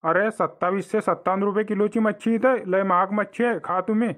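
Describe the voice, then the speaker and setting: A man's voice: sits high, steady tone, fairly quick, fairly bright tone. A man voicing a scheming older village father-in-law in a cartoon comedy, with a rural Vidarbha Marathi accent and a sly, coaxing manner.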